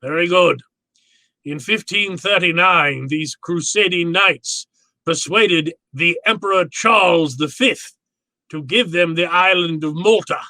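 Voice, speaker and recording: A man's voice: high-pitched, measured pace, pushed and bright, no echo, heavily acted. A man playing a courtly, genial crime boss in a radio drama, telling his tale in a florid, grandly polite manner. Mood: courtly, eager.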